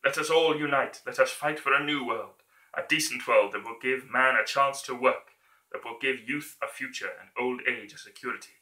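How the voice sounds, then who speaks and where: A man's voice: medium pitch, normal speed, sharp tone, lightly acted. A man playing an earnest, humble orator in a theatrical dictator speech, declaimed with emphatic repetition and fervent appeal. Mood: fervent, rousing. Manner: declamatory, emphatic repeated phrases, building to fervent exhortation. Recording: echoey room.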